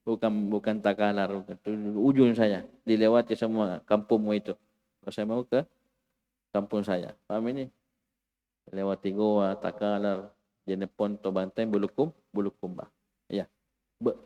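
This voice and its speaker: A man teaching an Arabic grammar lesson in a classroom, lively and animated, acting out exclamations for his students. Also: on the low side, in a large hall. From Indonesia.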